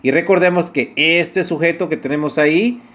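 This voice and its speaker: A man teaching an English grammar lesson, speaking deliberately and repeating each word for practice. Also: a little high, a bit bright.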